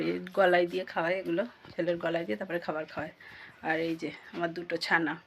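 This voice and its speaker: Soft-spoken woman vlogging in a noisy kitchen. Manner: keeps voice low and soft so her sleeping son is not woken. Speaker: home vlogger and mother. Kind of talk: casual chat to viewers while cooking. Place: home kitchen with a tin roof during rain. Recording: noisy home recording with rain on a tin roof.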